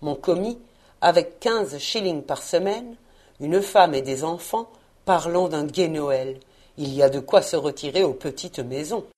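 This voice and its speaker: A woman doing a gruff, miserly old man. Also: medium pitch, sing-song, moderate pace. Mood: muttering. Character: stern, miserly old man, curt and grumbling.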